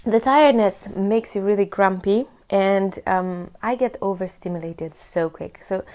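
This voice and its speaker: Mum vlogging to camera, chatty and honest, laughs a lot, mid pitch. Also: female voice, unhurried, darkish tone. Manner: candid and chatty, laughing often. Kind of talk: casual chat to camera.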